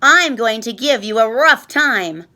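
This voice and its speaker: A woman voicing a big, rude male rhinoceros in a storybook read-aloud, loud and laughing. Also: on the high side, lively intonation, measured pace, exaggerated voice. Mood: gruff mocking. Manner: loud, bursts into howling laughter.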